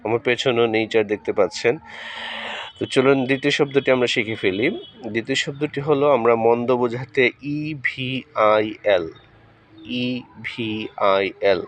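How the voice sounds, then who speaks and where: A man with a Bengali accent teaching English pronunciation while walking, spelling words out letter by letter and switching between Bengali and English. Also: mid-range voice. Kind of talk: walking vlog-style lesson.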